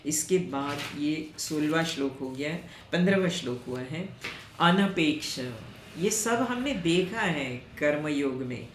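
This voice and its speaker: Slow-spoken woman teaching in an echoey room. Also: low-pitched, lively intonation, slight background noise. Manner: chants Sanskrit verses slowly, then explains in conversational Hindi. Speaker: Gita teacher. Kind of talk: slow explanatory teaching talk.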